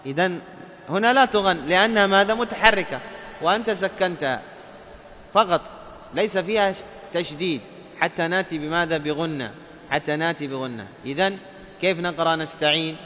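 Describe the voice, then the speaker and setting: Man, recitation teacher, bright forceful voice, fairly high, long reverb, dull lo-fi sound. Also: slight background noise. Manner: explains rules with quizzing questions, then chants examples slowly. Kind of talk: tajweed lesson.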